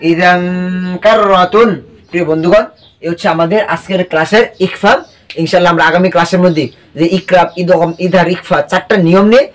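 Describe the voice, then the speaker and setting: A man with a high voice leads a recitation lesson in a patient, drilling way. He asks a question, answers it himself, then repeats the word slowly. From Bangladesh. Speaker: Quran reading teacher.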